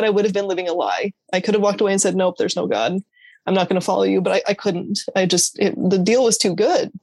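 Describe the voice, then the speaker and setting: Her voice is medium in pitch, a bit mellow and breathy, captured in a dry recording. As a guest in an interview, she earnestly and candidly relates her faith testimony, frequently restarting sentences and laughing from time to time.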